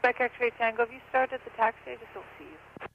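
A man's voice: very high voice, fairly even intonation, fast talker, vocal fry. A man giving clipped, procedural taxi instructions as a ground controller over the radio. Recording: thin phone-like radio with faint static.

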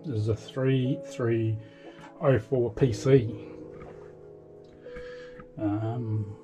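An older man with an Australian accent walks through a boat's engine room on his vlog, talking in a halting, rambling way full of ums and restarts, tired and frustrated. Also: mid-range voice, fairly even intonation, mellow, soft background music, rough recording. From Tasmania, Australia. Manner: weary and frustrated. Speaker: boat repair vlogger. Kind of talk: casual walkthrough vlog. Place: boat engine room, indoors.

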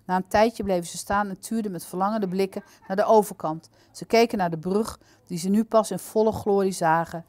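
Woman, storybook reading, calm, steady, mid pitch, dry close sound. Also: fairly quick, hardly any pauses, no room sound. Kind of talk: reading aloud from a children's book.

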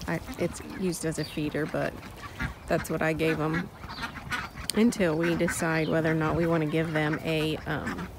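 A woman farm vlogger casually narrates while filming in an outdoor poultry pen, speaking slowly and unhurriedly with many ums, pauses and restarts. Her voice is deep and level. The outdoor phone audio clearly picks up farm noise, including quacking ducks and chickens.

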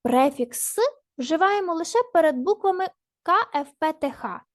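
In a recorded grammar lesson for children, a woman teacher slowly and deliberately spells out the parts of each word. Her high voice is expressive, and the sound is clean studio quality with no room sound.

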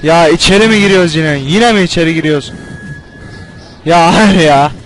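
A young man commentating a game as he plays, panicking, swearing and yelling at it. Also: a little high, moderate pace, a little hiss or hum, low-quality recording. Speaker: gameplay commentator. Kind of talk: let's play commentary.

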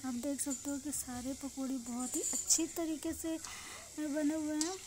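An unhurried, high voice with little pitch movement belongs to this home cook and vlog host, a woman with an Indian accent. She chats repetitively to viewers while demonstrating a recipe beside a frying pan in her home kitchen, captured on a noisy phone.

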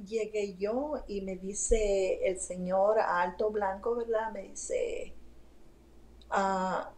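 A woman's voice: mid-range voice, mellow, poor audio. A woman telling a story to a host in a casual chat, full of fillers and asides. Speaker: interview guest.

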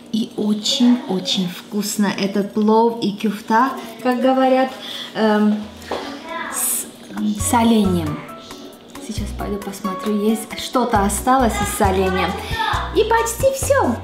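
In an echoey home kitchen with background music, a woman in her thirties with an Armenian accent presents her cooking show. Her medium-pitched voice is expressive and a little slow, and she chats casually, thinking aloud with fillers and restarts.

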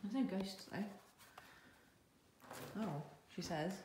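A nervous woman with a lowish voice, gasping and exclaiming as she explores a derelict farmhouse. The sound rings around the bare empty rooms on a handheld phone, with clear noise underneath. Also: animated, slow pace, roomy sound. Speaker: urban explorer. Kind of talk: casual chat while exploring.

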